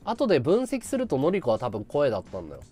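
Animated Japanese streamer, very lively pitch. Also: male voice, fast talker, faint music behind. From Chiba, Japan. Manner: rambling, animated, laughing at his own stories. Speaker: live streamer. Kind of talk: casual chat with viewers.

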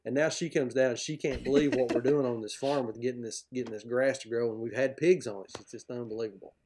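A man's voice: mid-range voice, fairly even intonation, fast talker, noisy background. A middle-aged man, a pig farmer, explaining his farm work with plain-spoken enthusiasm in a podcast interview over a video call from a room at home. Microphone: video call, webcam framing.

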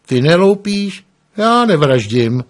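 A man's voice: high voice, big pitch swings, voice pushed up. A man voicing a shrewd, easygoing boss of thieves in an audiobook reading. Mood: sly.

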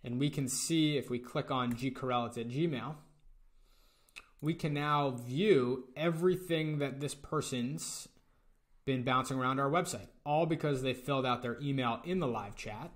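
A young man narrating a screen-recorded software tutorial in a relaxed, step-by-step way. His voice sits at an ordinary middle pitch. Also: a little slow. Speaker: tutorial presenter.

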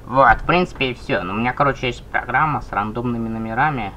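A man hosting a prank video, talking casually and haltingly. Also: pushed and bright. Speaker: host of a prank channel. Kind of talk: casual online video talk. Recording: faint background noise with rumble.

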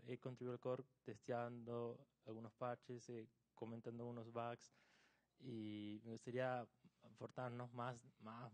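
A man's voice: mid-range voice, darkish tone, no echo. A man introducing himself politely and earnestly, ending some thoughts with tag questions. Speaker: conference attendee.

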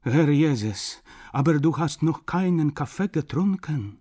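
A man's voice: fairly high pitch, expressive, takes it slowly, slightly rough, voice pushed up, full character voice. A man reading an audiobook, voicing a kindly old German grandmother who fusses over a guest. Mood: doting. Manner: warm doting exclamations.

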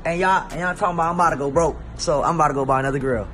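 A young man with grillz on his teeth, talking loudly and boastfully in a casual clip. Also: a little high, a little hiss or hum. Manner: loud, bragging, drawn-out emphasis. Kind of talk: boastful casual talk to camera.

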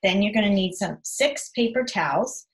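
In her home's small living room and kitchen, a woman in her thirties who teaches walks young children through an activity with plain, direct instructions. Her mid-range voice is animated and her speed normal. A device camera about arm's length or a bit farther away picks her up with slight background noise.

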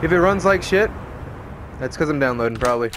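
A man's voice: fairly high pitch, expressive, a little fast, noisy background. A man giving casual game commentary as a streamer, crude and sarcastic, swearing freely. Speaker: gaming streamer. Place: indoors, game audio and music behind the voice.

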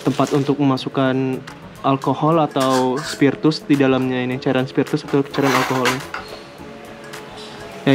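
A man casually unboxing and reviewing camping gear at a table indoors, talking in a relaxed, hesitant way with small laughs. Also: medium pitch. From Indonesia. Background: music.

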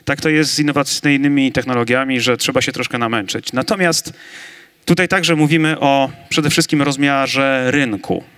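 Bright, energetic man debating on stage. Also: medium pitch, moderate pace. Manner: energetic, emphatic, building to big claims. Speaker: conference debater on augmented reality. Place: large conference stage with audience. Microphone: handheld mic.

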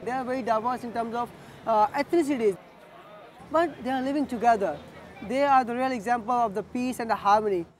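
A young man from Pakistan answers interview questions outdoors. He speaks in a very high voice for a man. He talks slowly and deliberately, with pauses. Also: slight background noise. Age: young adult. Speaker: human rights activist.

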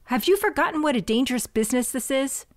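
Her voice is high-pitched, expressive and fast as she acts an audio drama role: the shop owner, a stressed cousin from the United States whose business is failing. She sounds stern and exasperated.

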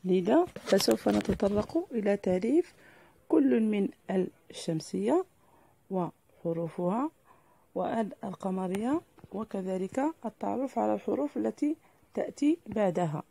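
A woman teacher with a Moroccan accent, explaining a lesson to pupils slowly and deliberately, spelling out each example. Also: medium pitch, lively intonation, creaky, dark tone, slightly rough.

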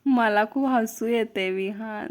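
A woman's voice: on the high side, slow pace. A young woman chatting casually in a family vlog, teasing and laughing often. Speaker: vlogger, mother.

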